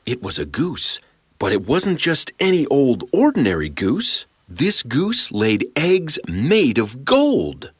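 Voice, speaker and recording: Slow, expressive storybook narrator. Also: mid-range voice, husky, no room sound, studio quality. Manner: expressive, dramatic pauses. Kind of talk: storybook read-aloud.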